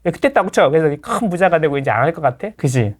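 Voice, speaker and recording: Man, guest lecturer, lively swooping pitch, rapid delivery, animated, keeps asking for agreement. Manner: animated, lecturing, playfully mimics others; quick tag questions seeking agreement. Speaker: real estate lecturer, guest. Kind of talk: casual talk-show interview.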